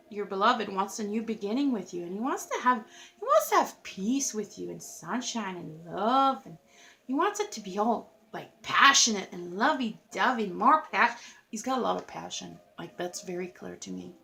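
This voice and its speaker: A woman's voice: fairly high pitch, vocal fry, pushed and bright. A woman giving a casual tarot reading to her viewers, chatty and effusive, filling her talk with "like" and laughing at herself. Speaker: tarot reader.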